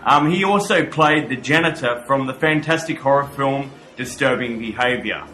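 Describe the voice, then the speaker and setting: A man presents a horror podcast as its commentator, with horror-host flourishes. His voice is bright and forceful at a medium pitch. The room echoes and music plays faintly behind him. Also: moderate pace.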